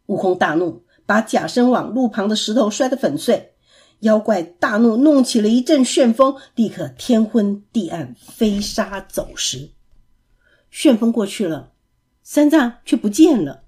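A woman narrating a classic tale for children in a lively, expressive storybook reading. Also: medium pitch, a little slow, slightly rough.

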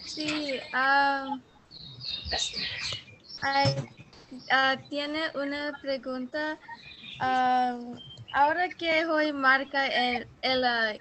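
Halting, bright-voiced woman with Spanish. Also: high voice, fairly even intonation, a little hiss or hum. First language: English. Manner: hesitant, stumbling over words. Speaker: audience member asking a question. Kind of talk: halting question in learner's Spanish.

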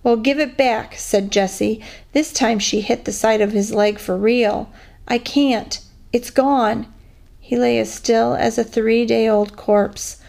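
A woman guest reader reads a children's novel aloud at a fairly high pitch. She gives the dialogue lively expression while keeping the narration plain. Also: slow, gravelly.

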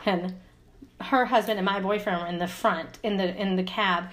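A woman's voice: mid-range voice, steady tone, normal speed. A woman in her thirties telling a story casually as podcast co-host. She laughs as she talks and swears freely.

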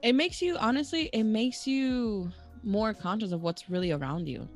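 A woman's voice: a little high, lively intonation, normal speed, soft background music. A woman in her twenties co-hosting a podcast, talking casually, swearing often and laughing a lot. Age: 20s. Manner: profane, laughing, slangy. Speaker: podcast co-host.

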